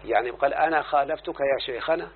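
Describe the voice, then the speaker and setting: A man with an Egyptian Arabic accent speaks quickly in a gravelly, mid-range voice as he teaches a grammar lesson, explaining verses and checking in with his student. The recording is lo-fi and phone-like, with a faint hiss.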